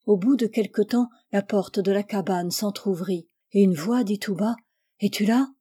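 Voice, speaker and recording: Woman reading a book out loud, measured, expressive, warm dark voice. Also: medium pitch, slightly rough. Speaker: reader. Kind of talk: reading a novel aloud.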